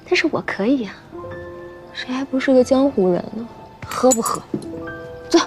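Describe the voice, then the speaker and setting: An actress in a costume drama playing a bold, boisterous tavern proprietress with slurred, drunken speech. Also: female voice, high voice, normal speed, soft background music, lightly acted. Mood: bold, tipsy. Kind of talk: Chinese costume television drama acting.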